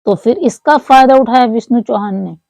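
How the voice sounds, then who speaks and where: A woman's voice: fairly high pitch, normal speed, gravelly, mellow, no echo, low-quality recording. A woman recounting a story to her viewers in earnest, repetitive commentary, often calling them friends. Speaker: commentator on online creators.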